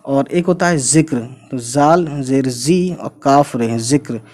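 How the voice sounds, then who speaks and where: A man's voice: mid-range voice, measured pace, a little mellow. Man teaching spelling patiently. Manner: explains patiently, often adds "thik hai" and "you know". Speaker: Urdu teacher. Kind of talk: spoken language lesson for Hindi speakers.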